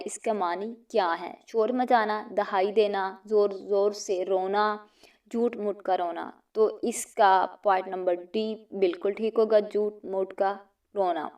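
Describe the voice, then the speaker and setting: A woman teacher works steadily through multiple-choice exam questions, reading each one and its options before giving the right answer. Her pitch sits in an ordinary middle range. The recording has her a little distant from the mic. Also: a little mellow.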